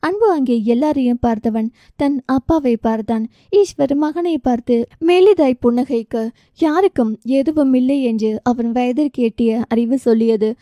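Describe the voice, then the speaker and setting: A woman's voice: high voice, moderate pace, dark tone, no room sound. A woman narrating a romance novel audiobook, reading with feeling and giving each character their own voice. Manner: emotive, voices dialogue with feeling.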